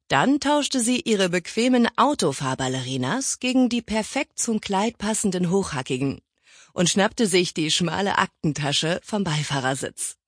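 A woman narrating an audiobook in a measured storytelling manner, lightly voicing the characters' lines. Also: medium pitch, breathy edge, dry recording, clean studio sound.

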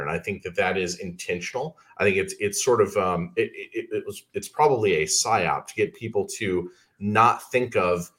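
A talk show host with a lowish voice offers deliberate, conversational commentary, often repeating words as he hesitates.

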